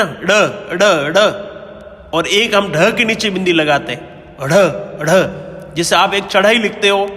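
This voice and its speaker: A man's voice: sits high, bright, forceful tone, in a large hall. A man teaching Hindi grammar in a lecture, explaining patiently and often checking in with his students. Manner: explains patiently, keeps asking "है ना?" and "ठीक है?". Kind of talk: classroom-style grammar lecture.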